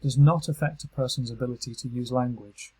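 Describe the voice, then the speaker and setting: British guy reading a training course, slightly husky voice, calm and measured. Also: mid-range voice, rough recording. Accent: British English. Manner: calm, measured instructional delivery. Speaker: training narrator. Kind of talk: scripted narration.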